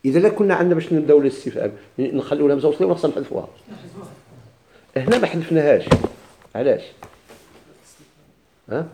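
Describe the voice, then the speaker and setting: A man with a Moroccan Arabic accent teaching a recitation class. He asks the class questions, answers them himself, and repeats words slowly with many restarts. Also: fairly high pitch, animated, vocal fry, noisy background. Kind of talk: classroom lesson explaining a text.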